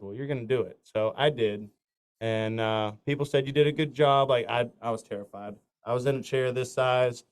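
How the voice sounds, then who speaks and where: A smooth, medium-pitched male voice belongs to a country singer from north Florida. Talking casually in an interview, he wanders through long anecdotes, full of fillers and restarts.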